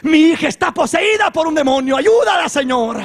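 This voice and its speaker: A man's voice: sits high, unhurried, vocal fry, a little mellow, breathy edge, heavily acted. A man preaching a sermon, voicing a desperate foreign mother who pleads and cries out. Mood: crying out. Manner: pleading, crying out.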